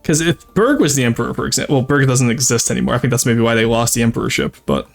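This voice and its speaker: A man's voice: medium pitch, lively intonation, fast, creaky, faint music behind. A man streaming a strategy game with casual live commentary, thinking aloud and talking to his chat. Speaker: streamer, VTuber.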